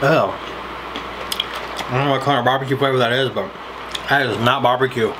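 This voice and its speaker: A man's voice: medium pitch, fairly even intonation, a little fast, background noise. A man reviewing snacks in a casual, blunt, sarcastic way while chewing. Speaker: snack tasting vlogger.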